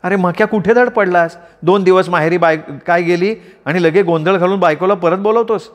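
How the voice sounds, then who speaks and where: A man's voice: high-pitched, fairly quick, pitched above the performer's own voice, natural voice. A young wife scolds and demands answers in a raised, exasperated voice, as a male storyteller puts her on. A long hall echo follows each line. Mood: scolding. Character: sharp-tongued young wife, scolding her clumsy husband.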